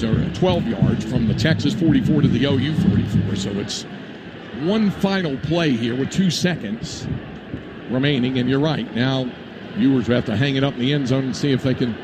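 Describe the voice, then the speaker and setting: A man doing live radio play-by-play of a football game in clipped, classic ballgame announcer phrases. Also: medium pitch. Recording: very noisy live outdoor stadium broadcast.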